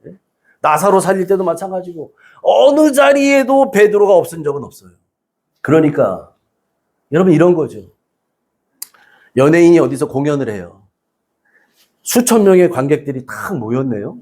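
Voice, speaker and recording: A man's voice: fairly high pitch, big pitch swings, moderate pace, pauses often, a little mellow. A man pastor preaching a Sunday sermon, emphatic, prodding the congregation with rhetorical questions.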